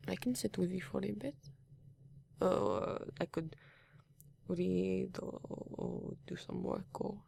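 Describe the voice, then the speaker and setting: A man playing a gravelly, formal, reserved partner. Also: high-pitched, takes it slowly, slight background noise, heavily acted. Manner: formal, avoids contractions, hesitant restarts; soft-spoken, at times whispering. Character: reserved, formal, caring male lab-working partner. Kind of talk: comfort roleplay addressed to the listener.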